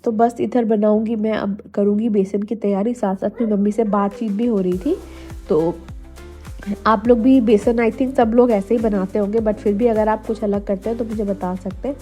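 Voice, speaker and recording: A young woman from India, slightly hoarse from a cold, chatting to viewers in a casual cooking vlog voice-over. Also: medium pitch, fairly even intonation, normal speed, mellow. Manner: chatty, addresses viewers directly. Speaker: homemaker vlogger. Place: voice-over, not recorded in the pictured kitchen. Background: faint music.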